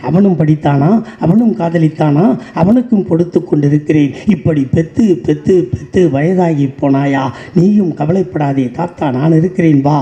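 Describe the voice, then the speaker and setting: Man, political stage speech, high voice, mellow dark tone, sarcastic chanting refrains, dull lo-fi sound. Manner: rhythmic sarcastic refrains, rising to shouts. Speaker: political party speaker.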